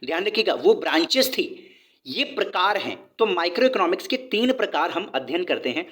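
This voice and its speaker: A man's voice: high voice, very animated, moderate pace, fairly bright tone. Man explaining in a conversational teaching tone. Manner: conversational, repeats points and asks rhetorical questions; reads from a book and then explains in his own words. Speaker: economics teacher. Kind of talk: explanatory video lesson.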